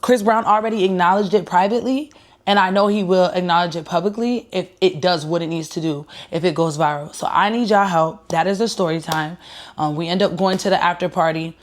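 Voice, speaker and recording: A woman's voice: lowish voice, fairly quick. A woman singer and rapper telling viewers a personal story in a casual vlog, earnest and emotional, speaking straight to her audience. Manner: excited at first, quieter and heartfelt later.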